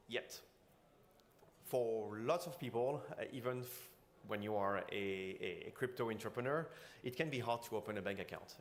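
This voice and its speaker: A man's voice: mid-range voice, slight background noise. Man giving an earnest keynote. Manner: earnest, with frequent fillers and restarts. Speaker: conference speaker. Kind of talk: keynote talk. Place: conference stage.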